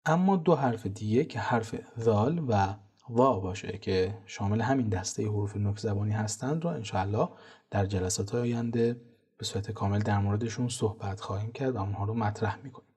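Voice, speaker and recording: Mellow husky teacher. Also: male voice, on the low side. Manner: calm, methodical explanation with chanted example words. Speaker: Quran recitation teacher. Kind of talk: instructional lesson on tajweed pronunciation.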